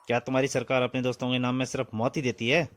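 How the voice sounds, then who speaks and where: A man's voice: mid-range voice, little pitch movement, rapid-fire, a bit bright, lightly acted. A man voicing a ruthless enemy soldier commander in a comic storybook reading, speaking harshly and scornfully.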